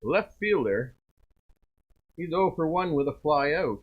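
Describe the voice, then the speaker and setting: A man with a Canadian accent doing play-by-play baseball commentary, chatty and quick to laugh at himself. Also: on the high side, very animated, slightly rough. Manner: chatty, self-deprecating, laughs easily. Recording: dull lo-fi stream audio.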